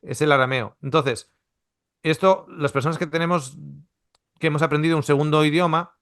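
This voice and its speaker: A Spanish-speaking male Bible teacher runs a seminar in Australia, explaining things conversationally with many restarts, rhetorical questions and "you know?" checks. His voice is slightly high for a man, fairly bright, with fairly even intonation and a normal pace. The recording is dry, with no room sound.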